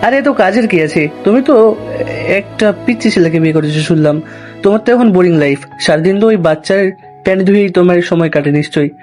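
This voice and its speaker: A woman's voice: lowish voice, fast, a little mellow, faint music behind, pitched below the performer's own voice, close to an everyday voice. A woman voicing a smug, flirtatious male office colleague who teases and sneers. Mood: sneering. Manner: teasing, sneering, mocking. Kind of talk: audio drama acting.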